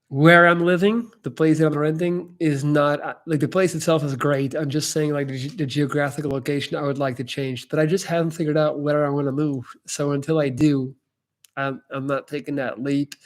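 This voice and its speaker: A YouTuber hosting a live Q&A, this man chats in a candid, loose way, full of "like" and restarts, during a casual livestream. His pitch is fairly high. He's from Belgium, and Dutch is his first language.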